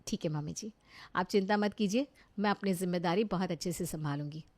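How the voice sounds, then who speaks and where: A dutiful young daughter-in-law in a storybook tale, as a woman narrator puts her on. She answers softly and obediently. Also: fairly low pitch, fairly quick, pitched below the performer's own voice, close to an everyday voice. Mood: meek. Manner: soft, obedient.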